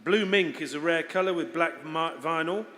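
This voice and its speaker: Chatty male auction presenter, slightly high voice. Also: normal speed, fairly bright tone. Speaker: auction presenter describing lots. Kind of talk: informal live lot description. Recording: echoey hall with long reverb.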